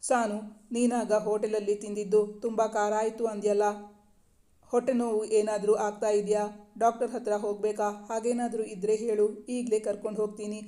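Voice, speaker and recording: A woman reading the part of a gentle, doting young husband in a storybook, speaking in a softly pleading, affectionate way. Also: medium pitch, little pitch movement, normal speed, natural voice. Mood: worried.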